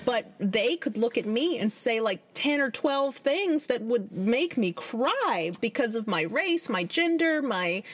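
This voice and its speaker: A woman from Virginia co-hosting a podcast with a lively, swooping voice that sits on the high side. She talks in a loose, animated way, laughing easily and swearing freely. Music plays clearly behind her. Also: unhurried, few pauses. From Virginia, USA. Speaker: podcast co-host. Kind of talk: casual chat.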